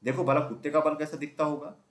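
A man reads aloud as a kindly, curious mother in a children's story, her voice pitched up high over his own. She asks gentle questions in an even storybook way. The echo of a roomy space hangs around every line. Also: fast, close to an everyday voice.

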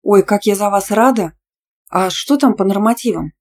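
A woman's voice: medium pitch, normal speed, pitched above the performer's own voice, lightly acted. A woman voicing a young female student who answers back sharply and defiantly. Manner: sharp, defiant, easily outraged.

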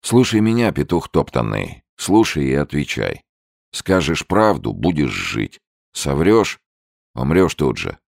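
A man's voice: extremely low pitch, sing-song, measured pace, gravelly, dry recording, clean studio sound, voice pushed up, full character voice. A man voicing a menacing young criminal enforcer who speaks in curt, threatening slang.

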